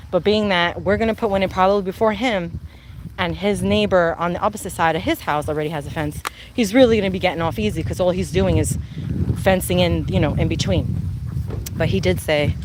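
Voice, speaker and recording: A woman's voice: lowish voice, noisy background. A woman chatting casually on a live stream while walking her dog outdoors, rambling and answering viewer comments. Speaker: vlogger and mother.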